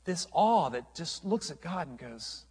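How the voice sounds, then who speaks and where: A man's voice: a little high, very animated, unhurried, darkish tone, breathy edge, in a large hall. A man preaching a sermon as a pastor, earnest and emphatic, often restarting his phrases.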